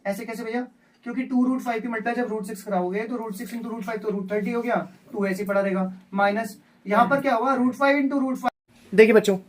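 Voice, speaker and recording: A male maths teacher giving a live lesson in a classroom, walking through each step aloud and repeatedly quizzing his students. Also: very high voice. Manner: repeats steps, asks class questions. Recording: distant from mic.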